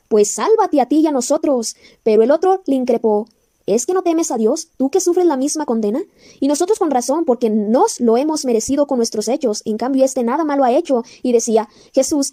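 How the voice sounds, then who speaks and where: High, mellow-voiced woman reading scripture. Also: no echo, studio quality. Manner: measured, solemn reading, slower on section headings. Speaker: Bible narrator.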